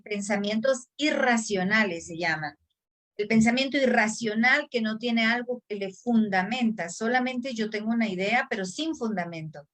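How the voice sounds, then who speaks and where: High-voiced woman discussing mental health. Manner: acts out a harsh inner critic in quick asides. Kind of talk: conversational talk on mental health.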